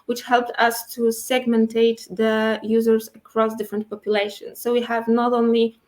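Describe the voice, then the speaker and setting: Higher-voiced woman talking with braces. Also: level tone, normal speed, darkish tone. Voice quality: speaking with dental braces, slightly impeded articulation. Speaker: guest speaker, internal communications and IT professional. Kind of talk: explanatory interview answers.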